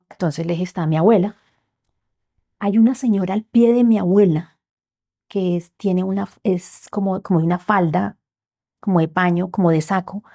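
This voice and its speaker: A woman telling a personal story as a podcast guest, heartfelt and often dropping to soft near-whispers. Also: medium pitch.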